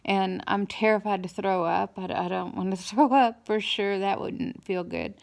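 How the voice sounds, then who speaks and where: Still recovering from dental surgery and sounding weary, she talks casually and haltingly about how she's doing. The voice is mid-range, steady in tone and a little hoarse, and her speech is mildly impeded by swelling and new teeth.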